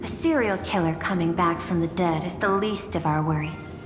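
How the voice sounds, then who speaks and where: A woman's voice: fairly low pitch, moderate pace, lightly acted. Woman doing a cool AI boss lady in a game, formal n precise, echoey w music. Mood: measured, grave. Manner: formal, composed, precisely articulated, dryly teasing. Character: cool, calculating female-voiced artificial intelligence CEO. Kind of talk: dramatic game voice acting.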